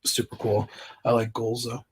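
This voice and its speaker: A man's voice: mid-range voice, flat delivery, normal speed, breathy edge. A man talking casually in a collector haul video, chatty and enthusiastic, with many fillers. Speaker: collector vlogger.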